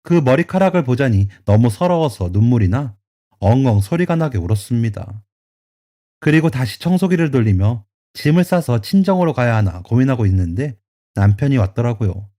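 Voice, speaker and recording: A man narrates a first-person story for a storytelling radio drama. His reading is calm and even-paced, at a medium pitch for a man. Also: moderate pace.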